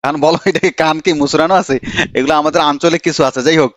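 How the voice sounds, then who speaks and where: Male coaching teacher, fast chatty delivery, slightly high voice, dry close sound. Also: fairly even intonation, no room sound. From Bangladesh. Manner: chatty, teasing, calls on students by name. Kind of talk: live online grammar class.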